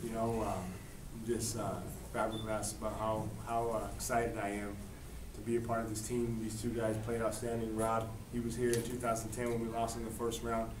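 Young man, football quarterback, postgame press conference, relaxed, flat delivery, distant, roomy, noisy. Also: fairly low pitch, normal speed, hardly any pauses. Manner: relaxed, many fillers and restarts. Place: press room in front of a sponsor backdrop.

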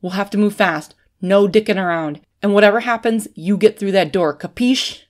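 A woman's voice: medium pitch, normal speed, lightly acted. Woman reading as brusque tough FBI agent Allison. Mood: urgent. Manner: brusque, snapping orders. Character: tough female FBI agent, bossy, sarcastic.

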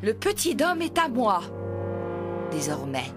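A woman's voice: on the high side, wildly swooping pitch, a little slow, over music. A mother wolf from a storybook, voiced by a woman narrator. She is tender with the cub and stands fierce and proud against a threat. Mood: defiant. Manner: gentle, then fiercely defiant.

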